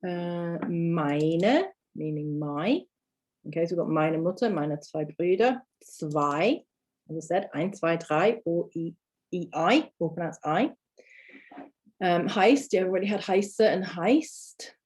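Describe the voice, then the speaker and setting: A British woman with a fairly low voice leads an online German lesson. She explains each sound patiently and repeats the words slowly so learners can follow along. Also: a little mellow. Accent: British English. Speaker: German language teacher.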